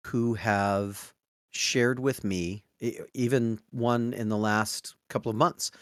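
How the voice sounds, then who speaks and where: Low-voiced man, thoughtful and halting. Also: fairly bright tone, no echo, clean studio sound. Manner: thoughtful, searching for words. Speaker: podcast co-host. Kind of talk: casual book discussion.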